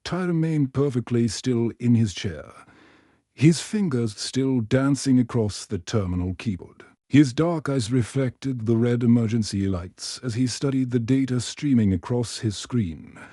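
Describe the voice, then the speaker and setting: Man, sci-fi story narration, mellow dark tone, dry close sound, steady. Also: medium pitch, measured pace, dry recording. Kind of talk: scripted narration.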